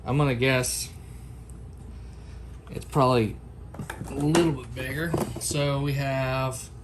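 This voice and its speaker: Speaking slowly in a steady, mid-range voice, a man addresses viewers in a casual unboxing and comparison video he made himself. He comes across as an unscripted, folksy product reviewer, and the background is noisy.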